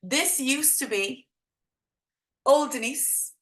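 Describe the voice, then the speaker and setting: A woman's voice: high voice, slow pace, a bit bright, echoey room. A woman with a thick Dublin accent presenting an informal live online workshop as a coach, chatting directly and encouragingly to her viewers.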